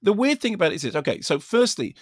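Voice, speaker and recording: A man's voice: high voice, sing-song, quick pace, no echo, clean studio sound. A British man giving a spoken film review as a critic, discursive and opinionated.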